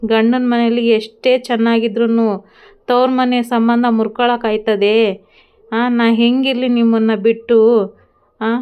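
A woman's voice: fairly high pitch, flat delivery, unhurried, long pauses, clear, resonant tone, highs cut off, lightly acted. A woman voicing an anxious, pleading young daughter in a retold serial, close to her own voice.

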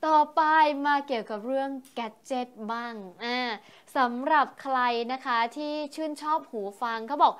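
A woman with a slightly high voice talks through a new gadget in a loose, chatty way. She keeps adding polite particles and breaks off now and then with delighted exclamations. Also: moderate pace, few pauses, a bit bright, smooth. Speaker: tech news presenter. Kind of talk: casual tech product talk.

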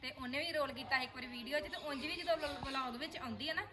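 High, sharp-voiced fast-talking woman. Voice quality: sharp, thin voice. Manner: lively, quick, chattering. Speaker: vlogger and actor. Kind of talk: casual chat.

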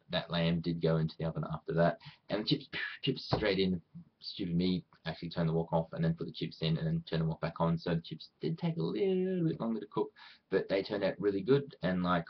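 Here the Australian man's low-pitched voice comes through with the highs cut off. He's a vlogger chatting casually to camera, rambling, mocking himself, and frequently performing quotes he imagines people saying.

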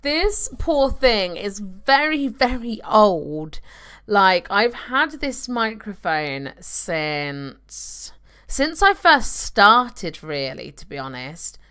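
Very animated and drawing out her words, this young gaming streamer has a mid-range voice that is sharp, clear and resonant. She chats casually at home while playing, reading viewer comments into her webcam stream's desk mic.

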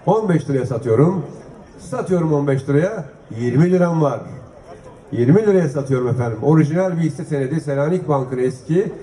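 A man runs a live auction, chanting bids over and over as an auctioneer. His voice is slightly high and mellow. The recording is echoey, with clear noise around him at the event. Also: animated, a little fast. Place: public festival stage with audience.

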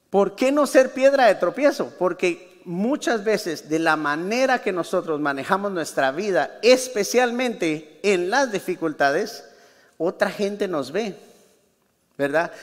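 A man's voice: sits high, in a large hall. A man preaching a sermon as pastor, in a chatty manner that keeps asking the congregation questions. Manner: conversational, asks the congregation questions. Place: church sanctuary.

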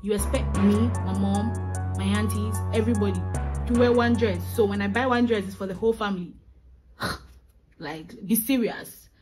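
A woman's voice: medium pitch, normal speed, music in the background, rough recording. A young woman venting in a vlog, emphatic and exasperated, repeating her points for effect. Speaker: vlogger. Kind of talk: ranting vlog monologue.

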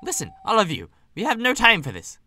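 A man puts on a high, bright-toned old owl professor for a game, fussing and barking orders with big swooping pitch. The voice stays pitched up and pressing, like everything is an emergency. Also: huge pitch swings, fairly quick, a little hiss or hum, exaggerated voice. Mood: urgent. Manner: urgent, high and commanding.

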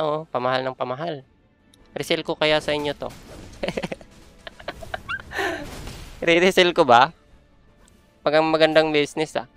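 A man's voice: mid-range voice, a bit bright, clean tone. A man with a Filipino accent doing live gameplay commentary, full of playful trash talk as he plays. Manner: playful trash talk, mixing Tagalog and English. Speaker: game streamer.

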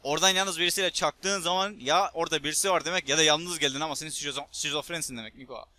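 A young man commentating a game he plays, excitable and teasing, talking back at the characters. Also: fairly high pitch, very fast, dry recording. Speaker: gameplay commentator. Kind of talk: casual let's-play commentary. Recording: loud gunfire from the game behind.

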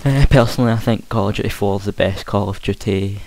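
A young man with a broad Scottish accent gives casual, hesitant gameplay commentary, trying to speak clearly, on a hissy home recording. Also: on the low side, fast, a little mellow. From Scotland. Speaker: gaming commentator. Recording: hissy home mic with faint noise. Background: game gunfire.

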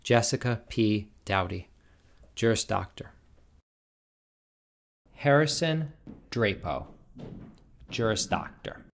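A man formally reading out graduates' names and degrees at a commencement, in a slow, measured, deliberate way. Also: on the low side, expressive, gravelly. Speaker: commencement name reader.

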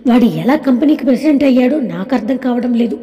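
A woman's voice: fairly high pitch, quick pace, dull audio, close to an everyday voice. Feisty teasing young woman, as a storyteller voices her. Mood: sulky. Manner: teasing, bossy, lively. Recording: echoey room with long reverb.

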